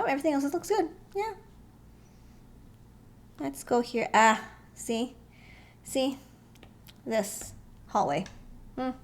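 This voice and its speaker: A woman casually thinking aloud as she walks through floor plans, hesitant and chuckling now and then. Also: mid-range voice. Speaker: real estate vlogger. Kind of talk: casual walkthrough commentary.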